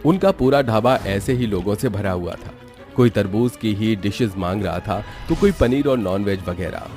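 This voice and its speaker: Faint music backs a man narrating a scripted horror cartoon tale at normal speed. He has a fairly low voice, and his intonation swings about with lively, theatrical storyteller flair.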